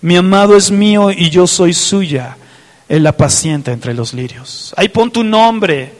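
A man's voice: high voice, expressive, unhurried, long reverb tail. A man preaching a fervent sermon, reading scripture aloud and asking his listeners direct questions. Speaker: pastor.

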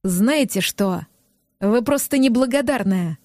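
A woman reading a proud, hot-tempered young woman in an audiobook, sharp and defiant in every retort. Her voice is on the high side and dry, close to the mic. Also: expressive, measured pace, no room sound. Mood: indignant. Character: fiery young red-haired woman, proud and stubborn.

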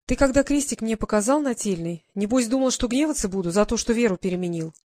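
A woman reading an audiobook, voicing a fond, worried widowed baroness questioning her grown son in a gentle, motherly way. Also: fairly high pitch, animated, quick pace, no room sound, lightly acted. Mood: tender.

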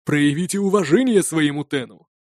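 A man's voice: on the high side, moderate pace, darkish tone, dry recording, studio quality, natural voice. A man voicing a stern male viking elder who speaks in a commanding, formal way in an audiobook.

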